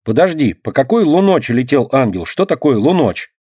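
A man voicing an excitable, capricious little girl who shouts her demands in a storybook reading. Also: mid-range voice, moderate pace, slightly rough, no room sound, studio quality. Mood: puzzled.

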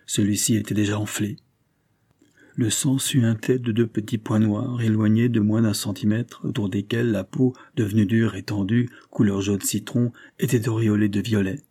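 Husky, dark-voiced male narrator. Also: fairly low pitch. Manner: steady, measured storytelling. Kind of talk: scripted audiobook narration.

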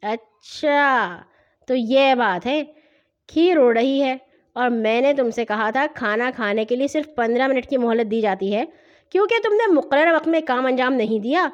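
A woman's voice: high voice, dull audio, lightly acted. Woman doing a bossy strict big brother. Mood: commanding. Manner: scolding, rapid-fire questions. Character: bossy strict elder brother, teenage boy. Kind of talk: storybook reading.

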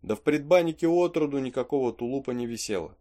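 A man's voice: mid-range voice, expressive, fast talker, dark tone, lightly acted. A man voicing a rambling superstitious peasant servant. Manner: chatty folksy storytelling with asides. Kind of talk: audiobook reading of a play.

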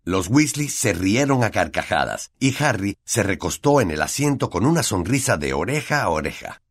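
A man with a Latin American Spanish accent narrating a fantasy audiobook in an expressive storytelling manner. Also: fairly low pitch, normal speed. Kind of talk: scripted narration.

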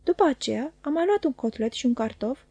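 A woman reading a classic novel aloud as an audiobook narrator, calm and measured, on a close studio mic. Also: high voice, husky, dry recording, highs cut off. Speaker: audiobook reader.

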